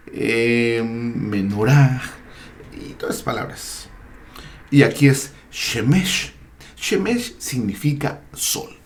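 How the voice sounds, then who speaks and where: A man teaching a slow, deliberate lesson on Torah, spelling out Hebrew words and letters with frequent hesitations. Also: medium pitch, gravelly. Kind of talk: slow explanatory Bible lesson.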